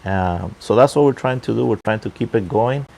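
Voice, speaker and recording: A man talking casually off the cuff on a livestream, halting and unhurried, keeping his voice down outdoors on a balcony. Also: on the low side, vocal fry, dark tone. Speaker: livestream host and pipe hobbyist. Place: outdoor balcony at night near a pool. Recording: faint water noise in background.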